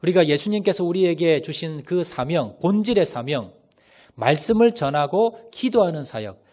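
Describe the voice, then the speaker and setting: A middle-aged man preaching a Sunday sermon as pastor, asking the congregation rhetorical questions and swinging between loud emphasis and soft, low drops. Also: animated, normal speed.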